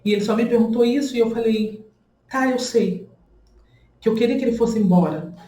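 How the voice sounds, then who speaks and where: A woman's voice: on the high side, quick pace, dark tone. A young woman with a Brazilian Portuguese accent giving an earnest, pained personal testimony, often stopping and restarting. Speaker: person sharing a personal account. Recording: echoey room.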